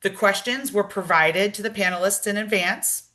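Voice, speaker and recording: A woman opening an online community session as its host, reading a scripted welcome in a measured, formal way over a video call. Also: medium pitch, pushed and bright. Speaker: event organizer and host.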